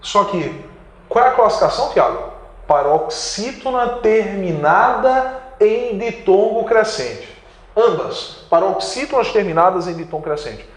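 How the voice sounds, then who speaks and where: Man, Brazilian accent, grammar teacher, high lively voice, emphatic, stretched key words, roomy echo. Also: a little slow. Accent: Brazilian Portuguese. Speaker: exam prep teacher. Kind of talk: online grammar lesson.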